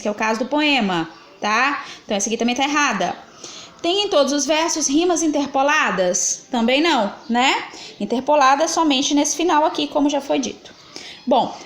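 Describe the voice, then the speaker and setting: A woman teacher with a Brazilian Portuguese accent, patiently talking through an exam-prep lesson step by step and checking in with her students. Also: sits high. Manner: patient, explains step by step, counts syllables aloud, checks with "tá?".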